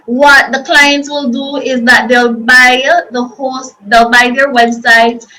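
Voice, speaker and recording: A woman's voice: high voice, level tone, slow pace, pushed and bright, rough recording. A woman presenting an informal online workshop, explaining things in a chatty, loose and repetitive way.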